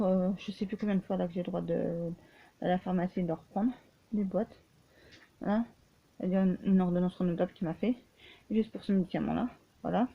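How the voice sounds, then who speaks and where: A woman's voice: fairly low pitch, creaky. Tired-sounding woman, tinny phone audio. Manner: halting, many restarts and fillers, frequent "voilà". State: often tired and short of breath. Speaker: vlogger. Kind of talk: casual personal vlog.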